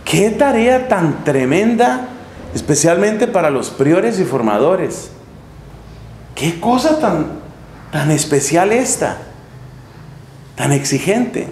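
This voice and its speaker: A middle-aged man, a friar, preaching a sermon with lively, humorous storytelling in a monastery chapel. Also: high voice, takes it slowly, long pauses. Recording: echoey room, faint hum.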